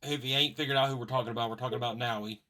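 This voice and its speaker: A man's voice: mid-range voice, fairly even intonation, very fast, sharp tone. A man hosting a casual gaming chat, leading the votes in laid-back slang from a home streaming setup. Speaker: ranking host.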